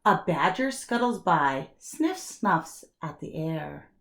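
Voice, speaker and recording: A woman with a voice that sits low reads a children's storybook aloud in the manner of a kindergarten teacher. She's expressive, using deliberate dramatic pauses and emphasis.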